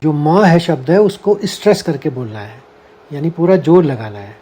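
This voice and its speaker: A man's voice: a little high, lively intonation, normal speed, dark tone, breathy edge. A man teaching a scripture lesson, explaining word meanings and carefully sounding out each Sanskrit syllable for his listeners. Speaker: Gita teacher.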